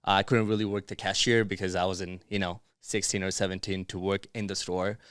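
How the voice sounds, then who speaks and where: A deep, smooth, slightly bright voice with a flat delivery comes across a little fast in clean studio sound with no room sound. The speaker, Bangladesh-born and raised in Dubai and Miami, is a chatty podcast guest full of slang like "bro" and "dude" in a casual interview.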